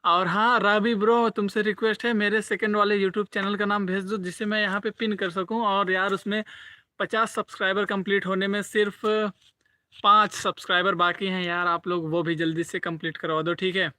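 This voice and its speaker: A man's voice: sits high, little pitch movement, fairly quick, pushed and bright, no room sound. A young man from the Sultanpur area chatting casually on a live stream to viewers outdoors by a lake, recorded on a phone without a separate mic, repeating himself and tacking "okay" onto his sentences. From Sultanpur region, Uttar Pradesh. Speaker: vlogger hosting a live stream. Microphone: phone mic, no separate microphone.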